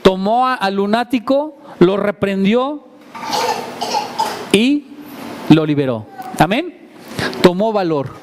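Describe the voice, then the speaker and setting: A man's voice: high-pitched, lively intonation, takes it slowly, pauses often, a little mellow, slight background noise. A man preaching a sermon to a congregation, retelling scripture vividly and putting questions to his listeners. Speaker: pastor. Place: church service before a congregation.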